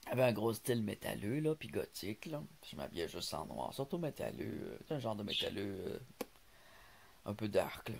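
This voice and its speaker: Chatty Québécois man, lively pitch. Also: a little fast, gravelly, slight background noise. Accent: Québécois French. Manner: rambling, laughs often, stumbles on some words. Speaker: vlogger. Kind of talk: casual storytelling vlog.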